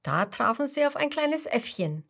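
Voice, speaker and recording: A woman reading a children's story aloud in a gentle way, sometimes dropping to a whisper. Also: high-pitched, sing-song, normal speed, breathy edge.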